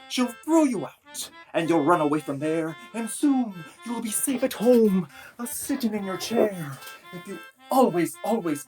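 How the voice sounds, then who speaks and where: A woman's voice: medium pitch, warm tone, natural voice. A woman playing an announcer who recites a rhyming advert in a playful, emphatic manner. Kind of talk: rhythmic poem recitation. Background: music.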